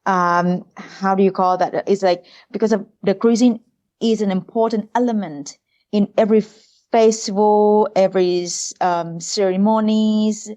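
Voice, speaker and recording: A young woman with a Thai accent chats as a guest on a podcast, often stopping to search for the right English word. Her voice sits at an ordinary pitch and comes through a little dull, as if over a remote connection. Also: steady tone, a little slow, mellow. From Thailand. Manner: hesitant, searching for words, many fillers. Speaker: food tour guide. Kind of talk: casual podcast interview.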